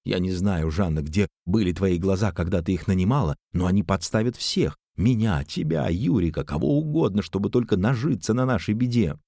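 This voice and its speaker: A man's voice: deep voice, animated, fairly quick, vocal fry, few pauses, warm tone, no room sound, studio quality, exaggerated voice. A man voicing a blustering middle-aged male swindler who talks theatrically and throws accusations. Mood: indignant.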